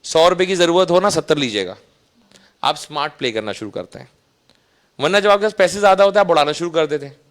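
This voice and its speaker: Pakistani guy, kinda high voice, chatty storytelling talk to students. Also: expressive, quick pace. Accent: Pakistani Urdu. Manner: casual, anecdotal, asks 'right?' often. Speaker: invited speaker.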